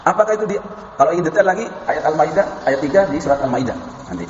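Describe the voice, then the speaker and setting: A man's voice: a little high, lively intonation, fast talker. A man giving an Islamic lecture, reciting Arabic verses, addressing listeners as sir and madam, and telling anecdotes. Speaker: Islamic preacher lecturing a class. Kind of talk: religious lecture on halal food. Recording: echoey hall, muffled, faint background noise.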